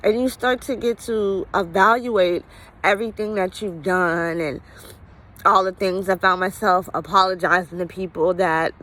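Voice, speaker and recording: A woman's voice: medium pitch, a bit bright. A woman telling her own story in a candid, conversational vlog, full of fillers and at times close to tears. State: emotional, near tears at times. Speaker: vlogger.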